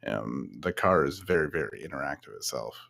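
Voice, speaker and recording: Deep voiced dev guy answering stream questions, laid back, dry close sound. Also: expressive, brisk, creaky, fairly bright tone, no room sound. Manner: easygoing explaining, lots of "you know". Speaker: game developer. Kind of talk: casual livestream Q&A.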